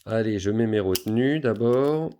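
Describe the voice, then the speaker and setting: A man's voice: on the low side, expressive, moderate pace, warm tone, a little hiss or hum. A man teaching a school math lesson, patiently talking pupils through each step of a word problem with many fillers.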